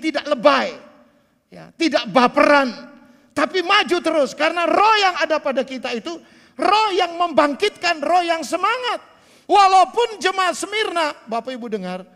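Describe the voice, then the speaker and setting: A man in his sixties preaching a sermon as pastor, swinging between loud emphatic bursts and quiet asides. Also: extremely high pitch, creaky, big-room sound. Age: 60s. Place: church sanctuary.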